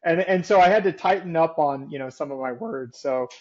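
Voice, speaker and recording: A man with a faded Southern accent and a fairly high voice, talking as a podcast guest. He tells stories casually, with lots of fillers and frequent laughs. His audio sounds slightly muffled, like a remote call. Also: fairly quick. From Savannah, Georgia. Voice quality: chatty, laughs often, filler-heavy storytelling. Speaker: podcast guest, real estate investor. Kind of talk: casual interview chat.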